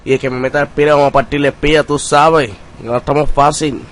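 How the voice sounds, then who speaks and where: Young puerto rican guy, flat monotone voice, street slang, lots of filler words. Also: fairly high pitch, fast talker, a little hiss or hum. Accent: Puerto Rican Spanish. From Puerto Rico. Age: young adult. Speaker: rapper interviewee. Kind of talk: casual interview talk.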